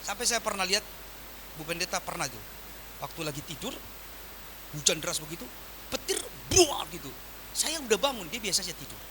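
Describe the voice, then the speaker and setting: A man preaching a sermon as pastor, swinging from loud emphatic lines to quiet soft ones. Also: high-pitched, fairly quick, pauses often, background noise. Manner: animated preaching with wide swings in volume.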